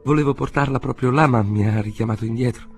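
A man's voice: medium pitch, normal speed, vocal fry, a little mellow, faint music behind, pitched above the performer's own voice, lightly acted. A man reading an audiobook voices a timid, thin little merchant who is nervous and eager to please. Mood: flustered.

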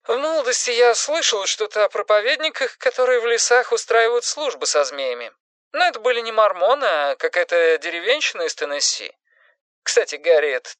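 A man voicing a brisk, opinionated elderly woman for a storybook reading, speaking in a matter-of-fact, weighty way. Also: sits high, a bit bright, no room sound, pitched above the performer's own voice.

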